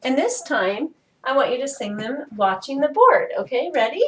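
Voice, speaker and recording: A woman's voice: high-pitched, very animated, moderate pace, echoey room, recorded from a distance, a little hiss or hum. A woman teaching a children's music lesson, explaining patiently step by step.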